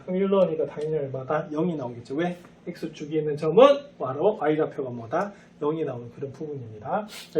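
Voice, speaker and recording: A man with a high voice gives a recorded math lesson, peppering each step with his own quick questions before answering them. He sits a little back from the mic, so the sound is slightly distant. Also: a little mellow, a little hiss or hum. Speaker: math teacher.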